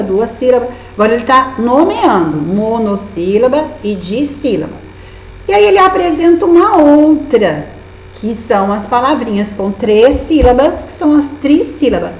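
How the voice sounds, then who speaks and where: Brazilian woman teacher guiding young kids through a workbook, slightly high and patient, recorded in an echoey room with light hum. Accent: Brazilian Portuguese. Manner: patient, encouraging, with many diminutives. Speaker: primary school teacher. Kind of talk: remote lesson walking through a workbook.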